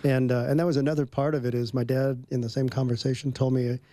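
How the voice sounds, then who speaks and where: A man telling a personal story in an interview, relaxed, with frequent ums and little chuckles between phrases. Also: mid-range voice, fast, no room sound. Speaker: guest.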